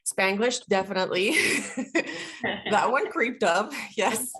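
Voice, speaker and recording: With medium pitch, lively intonation and a fairly bright tone, she speaks slowly over a little hiss or hum. The speaker is an interview guest, a veteran and linguist, a roughly forty-year-old native Spanish speaker from Puerto Rico, chatting reflectively with many fillers.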